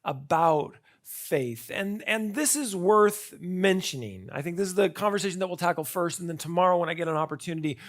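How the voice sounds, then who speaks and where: A man gives a conference talk. His voice sits a little high and has a gravelly, creaky edge. He speaks conversationally and keeps asking rhetorical questions. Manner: frequent fillers and restarts.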